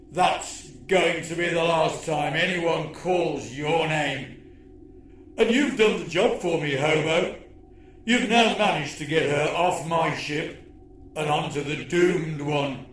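A man's voice: a little high, takes it slowly, echoey room, slight background noise. A man voicing a gloating male alien villain leader in a storybook reading, speaking with a sneering, mocking manner.

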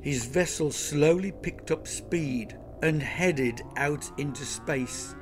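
A man narrating a children's adventure story in a lively, expressive reading. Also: fairly high pitch, slow, noisy background.

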